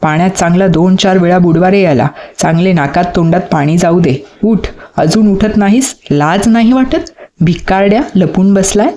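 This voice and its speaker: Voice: medium pitch, moderate pace, dark tone, natural voice. A reader voicing a stern village mother who scolds and commands her son in a storybook reading. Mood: angry scolding.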